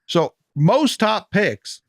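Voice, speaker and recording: A man with a Boston accent, hosting a casual sports podcast, talking in an animated way and swearing freely. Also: high voice, extremely slow, dry recording, clean studio sound. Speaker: podcast host.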